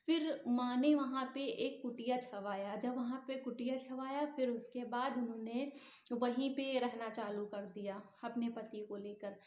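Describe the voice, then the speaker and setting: A woman with a high voice telling a devotional fast tale in an emotive, unhurried way, pausing now and then on fillers. Her voice echoes in a roomy space. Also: fairly even intonation, darkish tone. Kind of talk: devotional storytelling. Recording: roomy echo.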